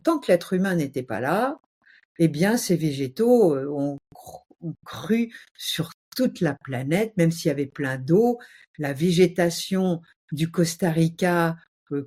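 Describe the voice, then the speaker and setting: Female guest with a low, mellow voice; passionate, emphatic and animated. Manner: animated, emphatic, uses vivid exaggeration. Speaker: guest health speaker. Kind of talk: passionate casual explanation.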